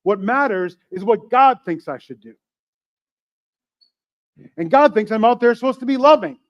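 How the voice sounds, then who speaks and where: Male pastor, high-pitched, joking with the congregation mid-sermon; dull, lo-fi church livestream sound. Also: animated, normal speed. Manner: joking, conversational, asks questions to the congregation.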